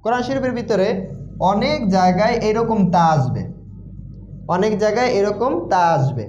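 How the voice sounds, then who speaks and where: A man teaching Quran letters in a slow recitation lesson, with a Bangladeshi Bengali accent, repeating each letter sound many times. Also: sits high, lively intonation, darkish tone, slight background noise. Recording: roomy, dull lo-fi sound.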